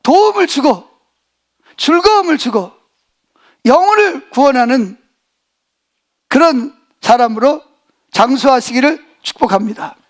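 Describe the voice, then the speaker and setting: A middle-aged male pastor with a very high-pitched, expressive voice preaches at a measured pace, pausing often. His sermon is folksy and full of jokes, and he keeps questioning the congregation and getting them to answer back.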